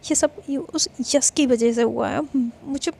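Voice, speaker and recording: A woman's voice: sits high, unhurried, creaky, mellow, heavily acted. A woman playing a fiercely loyal young woman. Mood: indignant. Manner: indignant, vowing, insistent.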